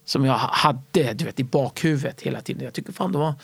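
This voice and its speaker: A man telling stories in a casual interview, animated and fond of acting out other people's voices. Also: mid-range voice, creaky, breathy edge, dry recording. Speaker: stand-up comedy entrepreneur and guest.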